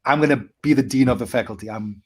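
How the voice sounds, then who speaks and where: A South African comedian in his forties tells his story as a guest in a casual interview, acting out his past self in quick asides. His voice is mid-range with a breathy edge.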